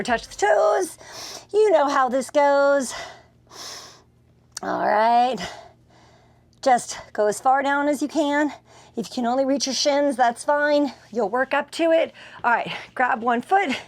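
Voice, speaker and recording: A middle-aged woman leading a workout as an encouraging, energetic instructor, calling out short motivational cues while exercising. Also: high voice. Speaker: fitness instructor, host. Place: inside a motorhome living area. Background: music.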